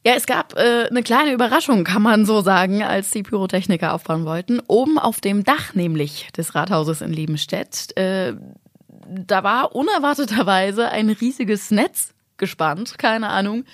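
Slightly raspy woman co-hosting a news podcast. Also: mid-range voice, moderate pace, dry recording, clean studio sound. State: slight cold.

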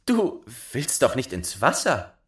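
A man's voice: medium pitch, huge pitch swings, takes it slowly, pitched above the performer's own voice. A man doing an eager young girl. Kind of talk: storybook reading.

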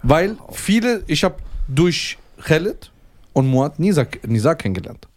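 A man co-hosting a podcast, chatting casually, warmly thankful and laughing easily. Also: on the high side, big pitch swings, a little slow. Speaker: podcast co-host.

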